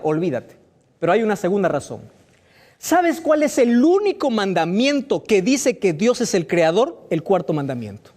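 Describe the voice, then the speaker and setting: A man's voice: extremely high pitch, darkish tone. A pastor preaching a sermon, firing rhetorical questions at his listeners with emphatic delivery.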